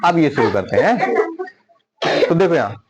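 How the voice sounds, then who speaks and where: A man's voice: on the high side, big pitch swings, a little slow, muffled recording. A male coaching-class teacher giving an English pronunciation lesson, firing questions at his students and repeating example words aloud. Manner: quizzes the class with constant questions. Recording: loud class noise in the background. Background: students chattering.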